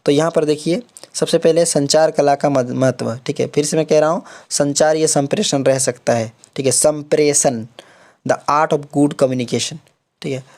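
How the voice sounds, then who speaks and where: A man's voice: a little high, steady tone, normal speed, a little mellow. A young man giving a casual exam-prep lecture, filling his explanations with repeated check-ins and English terms. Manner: repeats "theek hai" often, mixes English terms into Hindi. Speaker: online exam-prep tutor.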